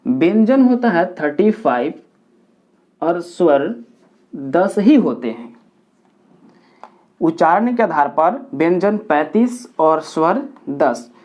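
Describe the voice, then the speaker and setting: A man's voice: a little high, animated, takes it slowly, pauses often, a little mellow. A man teaching a grammar lesson at a board, counting aloud step by step and repeating key points for his pupils. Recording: dull lo-fi recording.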